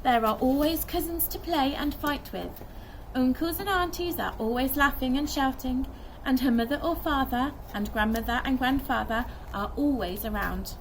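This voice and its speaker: Her voice sits high and moves at a moderate pace as this young woman expressively reads a children's story, performing the dialogue the way a primary school teacher would. She's outside in a garden by a wooden fence, filmed by a camera a little way off, and the audio is noisy with clicks.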